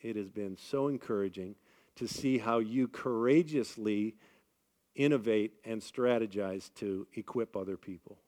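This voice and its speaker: An unhurried man from the US Midwest guides a live event audience through an icebreaker. His big, booming voice carries over a microphone, and he stays energetic and upbeat as he leads the group, regularly asking "all right?"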